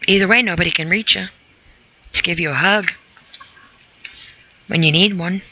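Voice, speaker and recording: A podcast host with a medium-pitched, pushed, bright voice reads a self-help list aloud at normal speed, adding informal commentary. He is blunt, repeats phrases for emphasis, and aims rhetorical questions straight at the listener. The recording is low quality, with slight background noise.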